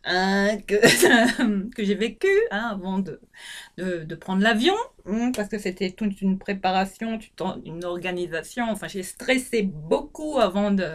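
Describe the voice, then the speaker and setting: A woman with a Réunion Creole accent chats casually to her viewers, her speech rising and falling in a sing-song lilt. She talks at a middling pitch, circling back through fillers and restarts as she gathers her thoughts. Her delivery is unhurried and conversational. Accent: Réunionese Creole French. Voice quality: sing-song lilting intonation. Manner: hesitant, full of fillers and restarts. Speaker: vlogger. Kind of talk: casual chat to camera.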